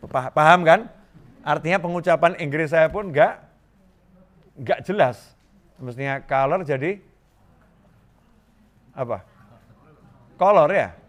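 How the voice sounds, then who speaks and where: A middle-aged man from Indonesia preaching a sermon to a congregation, lively and joking, repeating phrases for emphasis. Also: a little high, slow pace, long pauses, dull audio. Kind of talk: Islamic sermon to a live congregation.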